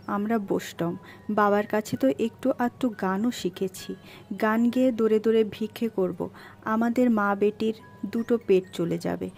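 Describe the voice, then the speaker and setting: A grieving young wife, heavy-voiced and close to tears, begging softly, as a woman narrator plays her. The tone is mellow and a touch high, with light music under the reading. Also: gravelly. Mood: pleading. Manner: tearful, pleading, heavy-voiced. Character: young wife driven from home, grieving, desperate. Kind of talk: audiobook character voice.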